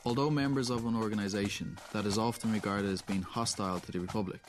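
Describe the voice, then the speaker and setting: A man reading scripted documentary narration in a measured way. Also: lowish voice, steady tone, soft background music. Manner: measured, clear delivery. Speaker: reporter, narrator.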